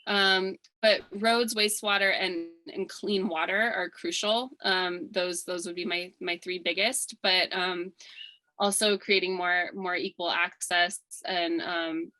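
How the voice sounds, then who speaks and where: A woman from Hawaii running for office, answering forum questions earnestly, with many pauses, fillers and restarts. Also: fairly low pitch, steady tone, bright, forceful tone, rough recording. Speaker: political candidate. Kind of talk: candidate forum interview answers.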